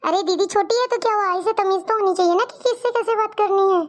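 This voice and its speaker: A woman voicing a polite, dutiful young married daughter-in-law in a cartoon story, with a high, squeaky voice. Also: fast. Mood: scolding. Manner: polite, pleading.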